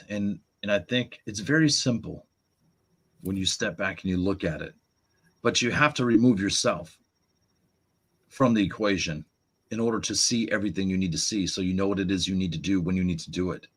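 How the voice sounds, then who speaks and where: A man as a guest on an interview show, telling personal stories with animated, acted-out quotes. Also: deep voice, normal speed, breathy edge. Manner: animated storyteller, acts out quotes in raised voice. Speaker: podcast guest. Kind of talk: storytelling conversation.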